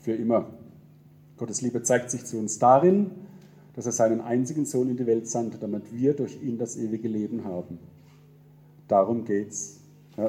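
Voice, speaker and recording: A man preaching a sermon in a church, earnest and gentle, repeating key phrases. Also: mid-range voice. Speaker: pastor.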